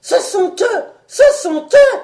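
Woman playing a shouting old male scientist. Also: a little high, sing-song, normal speed, roomy sound. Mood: alarmed. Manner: shouting urgent orders. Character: commanding elderly male scientist, cool-headed.

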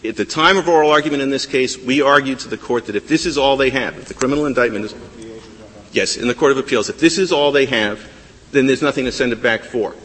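Lawyer guy pleading his case, bright husky voice, big echoey courtroom. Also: medium pitch, fast. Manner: insistent, argumentative, stumbles and repeats words. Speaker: lawyer arguing before a high court. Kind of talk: appellate oral argument. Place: large courtroom. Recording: courtroom with long reverb.

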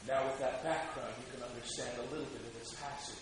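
A man preaching a sermon as pastor, emphatic, swinging between loud stresses and quiet asides. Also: medium pitch, fairly even intonation, fast, roomy sound, noisy background.

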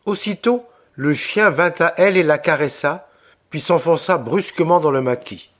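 A man's voice: on the high side, moderate pace, a bit bright. Man reading a classic novel aloud. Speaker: audiobook narrator. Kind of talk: scripted narration of a classic novel.

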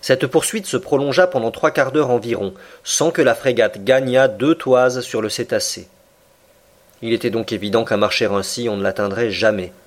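A man narrating an audiobook in a steady, measured reading voice. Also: mid-range voice. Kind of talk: scripted narration of a classic novel.

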